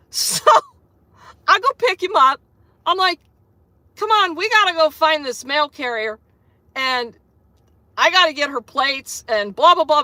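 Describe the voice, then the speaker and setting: A woman telling a story in a casual vlog, swearing freely and retelling a run-in with lively energy. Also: sits high, dry recording. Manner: profane, animated retelling. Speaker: vlogger.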